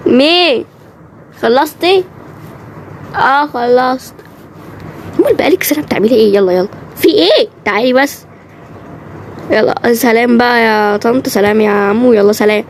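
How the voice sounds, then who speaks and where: An Egyptian woman performs a home-made animated drama, moving briskly from one role to the next in everyday conversational lines. Her voice sits fairly high for a woman. A faint background hiss runs under it. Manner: quick, chatty lines shifting from role to role.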